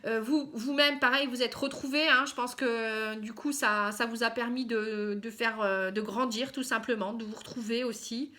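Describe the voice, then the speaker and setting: A woman giving a casual tarot reading to camera, halting, with many fillers and a frequent "hein". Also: fairly high pitch, fairly even intonation, pushed and bright. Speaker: tarot card reader.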